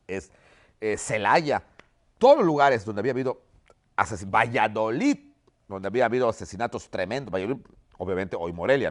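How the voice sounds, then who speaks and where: A man teaching a history class, telling the story and checking in with "ok?" after nearly every point. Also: mid-range voice. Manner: checks in constantly with "¿ok?", storytelling lecture. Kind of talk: lecture.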